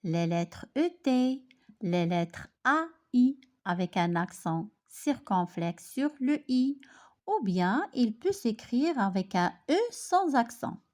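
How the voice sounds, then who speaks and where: In a spoken French lesson, a woman teaches pronunciation, saying each word clearly and deliberately before repeating it. Her voice is a little high and sing-song, with a darkish tone.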